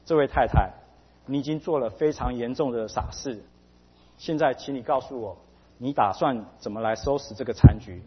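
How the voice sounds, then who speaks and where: A man quoting, in his own husky voice, an elderly pastor who counsels sternly and seriously, recorded dull with a long hall reverb. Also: medium pitch, normal speed, lightly acted. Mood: grave. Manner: serious, admonishing.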